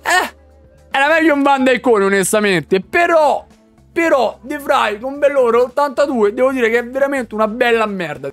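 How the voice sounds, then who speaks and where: Loud swearing young gamer. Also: male voice, very high voice, expressive, normal speed. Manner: loud, swearing, shouts at big pulls. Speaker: gaming streamer. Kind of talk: excited pack-opening commentary. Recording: faint music behind.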